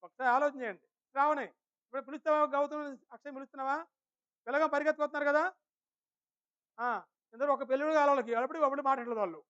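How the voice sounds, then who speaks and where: A male preacher with a notably high voice delivers a Sunday sermon in church and keeps questioning the congregation. His words turn slow and weighty when he reads scripture, and the recording sounds dull and lo-fi. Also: steady tone, a bit bright. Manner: questions the congregation and calls on people by name. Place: church service.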